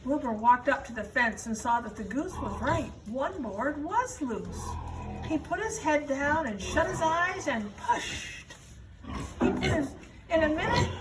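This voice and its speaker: A woman reads a children's story aloud as narrator; she is a storybook reader and a member of school staff. Her high-pitched voice is expressive and a little slow. The recording was made in a noisy room with a distant microphone.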